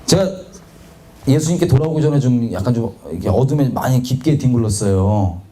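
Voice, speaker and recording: A man's voice: medium pitch, expressive, fairly quick, warm tone. A man preaching a confessional testimony sermon, candid and self-mocking, acting out the voices of the people he quotes. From South Korea.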